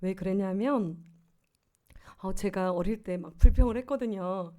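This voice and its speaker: A woman's voice: medium pitch, normal speed, mellow. A woman in her fifties, a pastor, preaching a sermon with earnest personal stories and rhetorical questions. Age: 50s. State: swollen tonsils.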